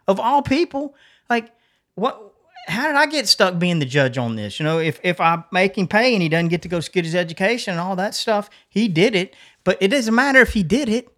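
A man's voice: sits high, animated, a little fast, a bit bright. Earnest middle-aged man telling a story. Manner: earnest, rambling with restarts. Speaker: podcast co-host. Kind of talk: casual chat, personal story.

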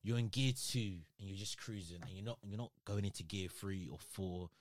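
A man's voice: sits low, normal speed, no echo, clean studio sound. A young adult man with a London roadman accent, chatting casually with a friend in heavy street slang and often repeating himself. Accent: London, urban street slang.

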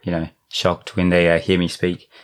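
A man with a New Zealand accent asks questions in a loose, easygoing chat. His low voice keeps dropping in fillers. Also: completely flat delivery, moderate pace, clean tone. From born in Japan, raised in New Zealand. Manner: easygoing, filler-heavy, laughs along. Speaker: interviewer. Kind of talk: casual interview chat.

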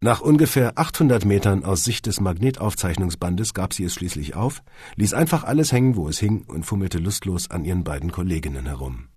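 A low-pitched man reads an audiobook in a lively, animated way with wry storytelling. His voice is husky and the sound is dry and close. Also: fairly quick, dry recording. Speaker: audiobook narrator. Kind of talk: audiobook reading.

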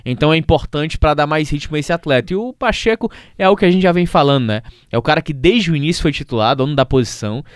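A man's voice: fairly high pitch, fast, hardly any pauses, clean tone, dry recording, studio quality. A man analysing football in a podcast, thinking aloud with small restarts. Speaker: football commentator. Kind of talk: casual sports podcast analysis.

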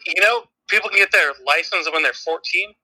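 Caller on speakerphone: man, high-pitched, laughing rambler. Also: a little fast, sharp tone, rough recording. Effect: heard over a phone on speakerphone. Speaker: caller, friend of the hosts. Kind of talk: casual chat.

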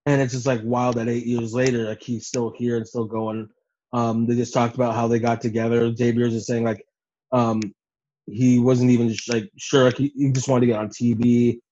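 A man with a mid-pitched voice on a slightly dull, lo-fi recording. He recaps events in loose podcast chat, acting out what others said and swearing freely. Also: little pitch movement, normal speed, warm tone, slight background noise. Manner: swears freely, acts out quotes. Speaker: podcast co-host. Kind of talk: casual animated recap chat.

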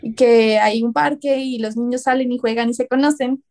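A woman's voice: on the high side, fairly even intonation, normal speed, a little mellow. A young Colombian woman with a Colombian accent, a guest and writer, telling stories in casual conversation. She acts out what people said and often laughs. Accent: Colombian Spanish.

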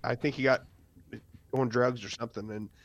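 A man's voice: mid-range voice, steady tone, normal speed, no room sound. Teasing, argumentative man on a remote podcast. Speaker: podcast co-host. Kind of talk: casual fantasy football chat. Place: home, recording remotely. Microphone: remote call mic.

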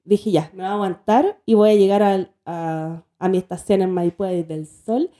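A woman with a Chilean accent, co-hosting a casual chat. She tells a story in a lively way, swears freely and acts out what she said back then. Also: medium pitch, normal speed. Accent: Chilean Spanish. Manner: lively, swears freely, acts out her own past lines. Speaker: podcast co-host.

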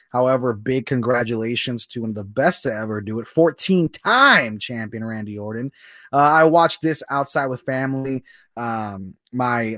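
A man's voice: medium pitch, a bit bright, no room sound, studio quality. A man co-hosting a radio show, chatting casually about sport.

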